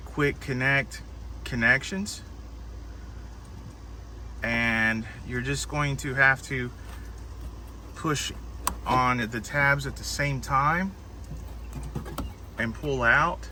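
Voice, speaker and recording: A man's voice: mid-range voice, steady tone, slow, long pauses, pushed and bright, slight background noise. A man giving a patient step-by-step car repair walkthrough, guiding a helper as he goes.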